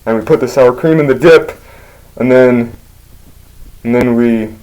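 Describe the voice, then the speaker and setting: A man's voice: medium pitch, a little slow, darkish tone, natural voice, poor audio. A man voicing a laid-back male skeleton in a rambling comedic storytelling style, full of restarts and absurd turns.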